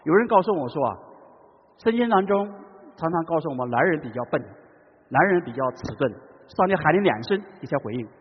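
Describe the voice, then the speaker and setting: A man preaching a sermon in a church, swinging between loud calls and hushed tones. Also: a little high, lively intonation, fairly quick, slightly rough. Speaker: pastor. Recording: dull long-reverb hall recording.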